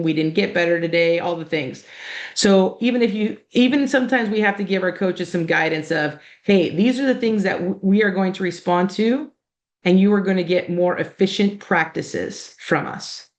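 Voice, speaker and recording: A middle-aged woman coach giving a casual, conversational motivational talk to student-athletes, acting out quoted exchanges. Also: lowish voice. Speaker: coach and mental performance speaker.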